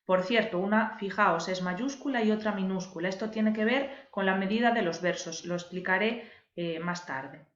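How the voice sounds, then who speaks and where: A woman's voice: medium pitch, moderate pace, a little hiss or hum. A woman teacher, patiently explaining a lesson and stressing key words for her viewers. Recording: echoey room, dull lo-fi sound.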